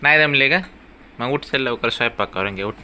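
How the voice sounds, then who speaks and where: A man's voice: mid-range voice, fairly quick, sharp tone, a little hiss or hum. A man with a Marathi accent chatting in a family vlog, playfully teasing and coaxing his family. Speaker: vlog host and father. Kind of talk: casual family vlog chat.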